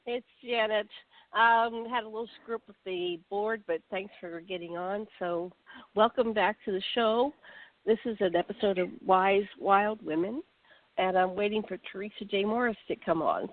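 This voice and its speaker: Tinny phone-line audio carries a woman's medium-pitched voice, at a moderate pace and with no echo. As a radio show host she chats casually and rambles, talking through her own moves while setting up her guest.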